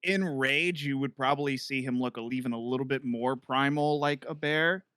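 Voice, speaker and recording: A woman's voice: a bass voice, moderate pace, a bit bright, smooth, no room sound, studio quality. A woman playing a tabletop game, thinking aloud hesitantly as she describes her character. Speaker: player. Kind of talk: casual game chat.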